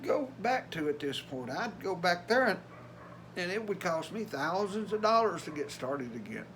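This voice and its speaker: Older male vlogger, Appalachian Tennessee accent, notably high-pitched voice, folksy and plainspoken, some background noise. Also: sing-song, moderate pace, fairly bright tone. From Tennessee, USA. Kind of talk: casual vlog talk.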